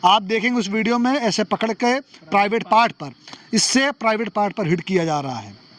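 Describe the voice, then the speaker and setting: High-pitched reporter guy, fired up, keeps asking the viewer to think. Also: animated, moderate pace, fairly bright tone. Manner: impassioned, rhetorical questions. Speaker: local news reporter. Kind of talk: field reporting and interviewing.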